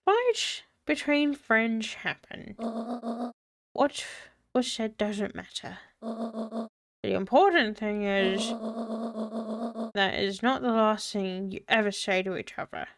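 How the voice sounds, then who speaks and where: A woman voicing a kindly, wise grandmother who gives soft, measured advice. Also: on the high side, expressive. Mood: gentle.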